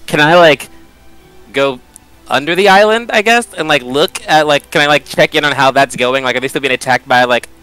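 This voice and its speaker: A man's voice: on the high side, moderate pace, bright, forceful tone, clean tone, faint music behind, poor audio. A man chatting casually as a tabletop game player, hesitantly thinking aloud.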